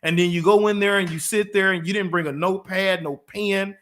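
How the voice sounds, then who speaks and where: A man co-hosting a motivational talk show, telling everyday stories and acting out quotes with lively energy. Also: high voice, a little fast. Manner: storytelling with lively acted-out quotes. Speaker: co-host.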